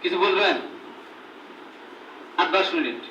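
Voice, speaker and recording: A man with a very high voice leads a classroom drill, firing the same questions at his group over and over. He sounds far from the mic in an echoey room with steady noise behind him. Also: takes it slowly, highs cut off. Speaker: Quran reading teacher training instructors. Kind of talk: classroom drill with call and response.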